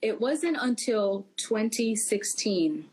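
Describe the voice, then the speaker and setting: A woman's voice: mid-range voice, sing-song, takes it slowly, a little mellow, breathy edge, rough recording. A middle-aged woman from Puerto Rico, a guest speaking in a casual interview, conversational and full of "you know" fillers. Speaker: travel company founder, guest. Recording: faint background noise.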